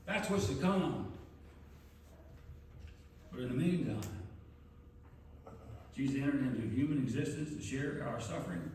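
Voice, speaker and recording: A man preaching a sermon as pastor, earnest and measured, with emphatic pauses. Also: medium pitch, darkish tone, a little hiss or hum. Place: large church sanctuary. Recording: very echoey church from far off.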